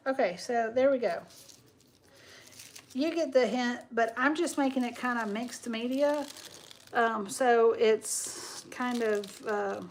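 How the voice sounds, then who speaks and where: A woman in her 40s hosts a craft livestream, chatting casually with viewers as she works and reading their comments aloud. Her voice is on the high side, with slight background noise.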